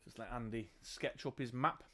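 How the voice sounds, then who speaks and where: A man's voice: mid-range voice, moderate pace, a bit bright. A man reading a fantasy gamebook aloud as game master, laughing and joking between passages. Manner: laughs often, jokes between read passages.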